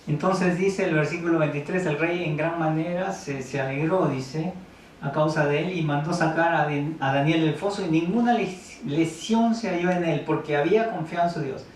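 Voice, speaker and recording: A man's voice: a little high, moderate pace, slight background noise. A man preaching a sermon in a church hall. He reads Bible verses aloud and keeps asking the congregation questions. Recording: very echoey room, mic at a distance.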